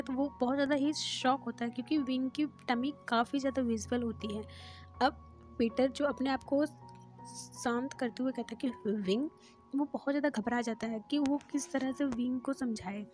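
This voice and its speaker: A woman's voice: high-pitched, steady tone, moderate pace, a little mellow. Woman casually narrating a fan story. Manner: plain conversational retelling, mixing English words. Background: faint background music.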